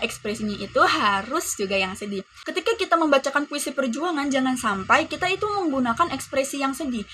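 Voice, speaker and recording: A woman's voice: sits high, fairly bright tone, slight background noise. A woman with an Indonesian accent teaching a class lesson, explaining to pupils and acting out example readings.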